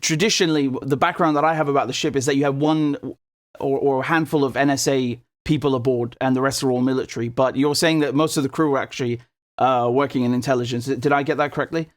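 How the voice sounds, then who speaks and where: A man's voice: mid-range voice, steady tone, quick pace, no room sound, clean studio sound. Man in his 30s hosting an interview. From United Kingdom. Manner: earnest questioning with repeated restarts. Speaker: interview host. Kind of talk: conversational interview.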